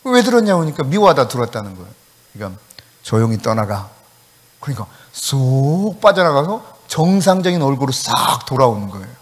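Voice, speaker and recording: Man, pastor, lively sermon, higher voice, acts out scenes, echoing church hall. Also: a little fast. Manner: animated, acts out dialogue, shouts commands. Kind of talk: sermon with storytelling. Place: church sanctuary.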